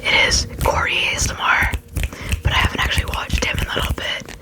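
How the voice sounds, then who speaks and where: An ASMR creator answers viewer questions in a fast, breathy whisper, frequently repeating short phrases.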